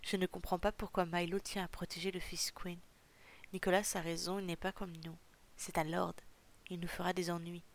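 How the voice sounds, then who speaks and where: A woman reading a storybook role of a fierce, quick-tempered young woman, blunt and scornful, in a low, level voice. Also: flat delivery, close to an everyday voice.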